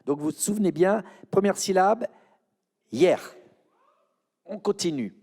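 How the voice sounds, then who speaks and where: A man's voice: high-pitched, animated, a little slow, mellow. A man with a French accent presenting a church children's show, playfully coaxing answers from the audience in a quiz. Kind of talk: leading an interactive quiz with an audience.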